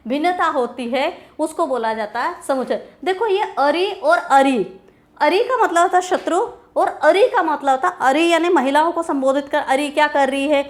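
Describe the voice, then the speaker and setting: A woman with a high voice teaches a grammar lesson. She repeats each key term, poses questions and answers them herself, and slows down to stress definitions. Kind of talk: classroom grammar lecture.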